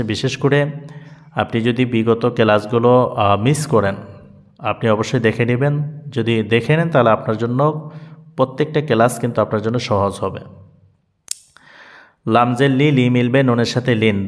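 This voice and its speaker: Man, Quran reading teacher, slow syllable drills, repeats sounds, asks and answers himself, long reverb. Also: on the low side. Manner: drills syllables slowly and repeats them, asks and answers his own questions.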